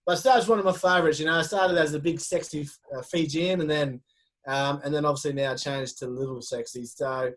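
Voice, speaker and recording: Australian man, podcast co-host, joking, playful, somewhat high voice. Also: fairly even intonation, brisk. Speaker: podcast co-host, former footballer. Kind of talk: casual podcast chat.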